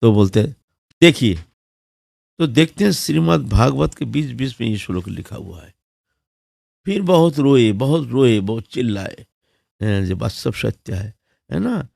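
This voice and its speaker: A man's voice: mid-range voice, expressive, normal speed, creaky, dark tone, no room sound, clean studio sound. A man with a Bengali accent giving a devotional discourse, telling a story and chanting Sanskrit verses. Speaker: devotional speaker.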